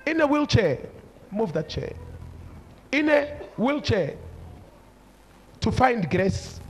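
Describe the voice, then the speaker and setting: A Zimbabwean-accented man in his forties, a church overseer, preaches an emphatic sermon to a congregation in a large church hall, repeating short phrases and switching between English and another language. His voice is high-pitched and somewhat bright, picked up on a handheld microphone.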